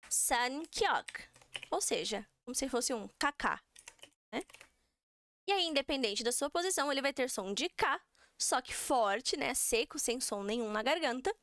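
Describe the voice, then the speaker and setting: A young Brazilian woman with a Brazilian Portuguese accent teaches a beginner language lesson, patiently repeating syllables for students to copy. Her voice sits high and sounds a bit bright.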